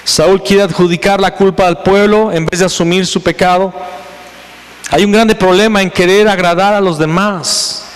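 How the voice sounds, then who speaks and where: A pastor with a high, ringing voice delivers an emphatic sermon. His words carry a long reverb through the church hall, and his preaching builds in force. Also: steady tone, moderate pace, smooth. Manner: preaching with rising, emphatic intensity. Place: church sanctuary.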